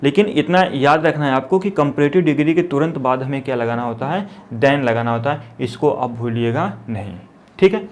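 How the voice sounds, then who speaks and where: A man teaching English grammar as a classroom lesson. He spells out each word slowly and keeps asking whether it is clear. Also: medium pitch, darkish tone. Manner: checks understanding often.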